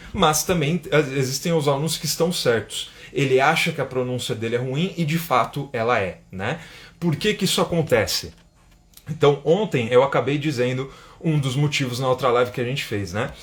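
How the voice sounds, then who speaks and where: A Brazilian man with a Brazilian Portuguese accent, an English teacher giving a live-stream lesson and reading viewer comments, tagging his sentences with a questioning "né?". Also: medium pitch. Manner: chatty, keeps asking "né?", reads viewer comments aloud. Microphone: phone or webcam for an Instagram live.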